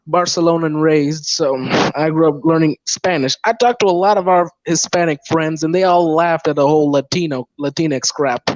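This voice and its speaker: A man's voice: a little high, no room sound. A man speaking bluntly and swearing freely in a casual online chat. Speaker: stream guest. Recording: dull lo-fi audio.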